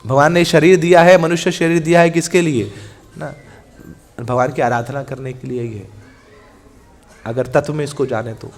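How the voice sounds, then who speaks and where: A man preaching a scripture class in Hindi, telling the story in a lively way, acting out the dialogue, asking rhetorical questions and mixing in words. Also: fairly high pitch, moderate pace, long pauses. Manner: lively storytelling, acts out the gods' dialogue, mixes in English words; asks the audience rhetorical questions and answers them.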